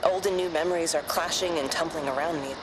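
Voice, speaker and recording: A woman voicing a hushed scientist on a noisy radio log. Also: sits low, natural voice. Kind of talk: video game audio log.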